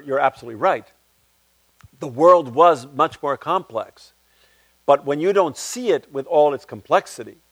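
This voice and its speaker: A man, a playwright, answering audience questions at a public talk in a reflective way, restarting his sentences often. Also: no room sound. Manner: reflective, restarts often, animated pitch swings. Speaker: guest speaker, playwright.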